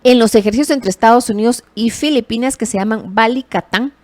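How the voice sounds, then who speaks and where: Lively woman giving news commentary. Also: fairly high pitch, fairly quick. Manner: lively, animated emphasis with self-corrections.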